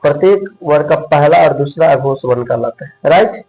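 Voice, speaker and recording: Repetitive, higher-voiced male grammar teacher. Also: expressive, normal speed, vocal fry, a little mellow, low-quality recording. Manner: repeats points, quizzes students; calls students "my dear brother". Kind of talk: coaching class lecture.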